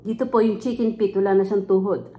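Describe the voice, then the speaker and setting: A woman's voice: medium pitch, steady tone, fairly quick, warm tone, low-quality recording. A woman with a Filipino accent hosting a mukbang, chatting casually and chewing as she talks. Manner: chewing while talking. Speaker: mukbang host. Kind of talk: casual chat while eating.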